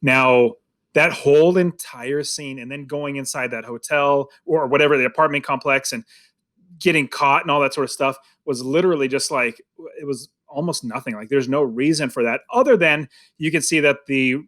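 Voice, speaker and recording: A man from the United States with a medium-pitched, fairly bright voice co-hosts a podcast. He chats casually about a movie, rambling and restarting often, in a relaxed film review.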